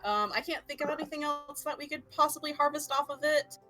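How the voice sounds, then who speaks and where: Chatty bright-voiced woman player. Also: high voice, faint music behind. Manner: quick, chatty, filler-heavy. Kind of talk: casual game-table chat.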